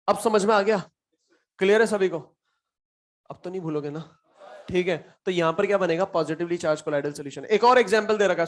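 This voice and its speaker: A man with a high-pitched voice leads a chemistry lesson. He keeps firing questions at the class, teases the students when they get things wrong, and repeats the key answers for emphasis. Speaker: chemistry teacher. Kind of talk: classroom lecture.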